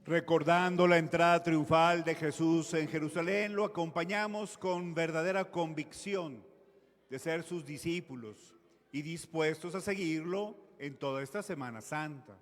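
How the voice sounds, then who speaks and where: Higher-pitched man, formal address, cathedral echo. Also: measured pace. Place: large cathedral. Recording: cathedral echo, long hall reverb.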